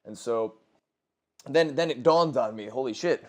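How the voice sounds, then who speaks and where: A male gaming commentator in his twenties, medium in pitch and measured in pace, tells crude, rambling stories over gameplay. They're packed with swearing and self-corrections.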